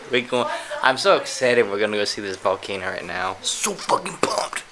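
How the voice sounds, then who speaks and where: A man filming a casual travel vlog on a handheld camera, excitable and swearing freely, outdoors and at an open-air cafe. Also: medium pitch, normal speed, noisy background. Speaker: travel vlogger.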